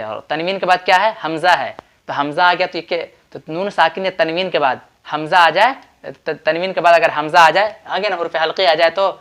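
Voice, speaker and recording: A man's voice: on the high side, sharp tone. A man with an Urdu accent giving a tajweed lesson at a board, explaining patiently, repeating himself, drawing out sample words and quizzing his students. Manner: repetitive, patient explaining with drawn-out sample words and quiz questions. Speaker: Quran recitation teacher.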